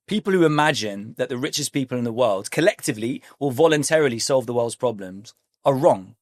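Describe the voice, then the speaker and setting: A man's voice: mid-range voice, dry recording, clean studio sound. A man being interviewed as a guest expert, answering in a thoughtful, explanatory conversational way. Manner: thoughtful, explanatory, acts out quoted voices.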